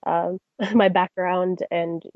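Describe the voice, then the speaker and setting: Slow-paced and on the low side, this young Canadian singer's voice shows little pitch movement as she answers an interviewer. She's friendly and chatty, often using fillers and restarting her sentences. There's no room sound, and the high frequencies are cut off.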